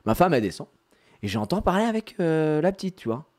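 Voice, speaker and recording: A man streamer telling a family story in a casual, animated, slangy way. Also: a little high, brisk.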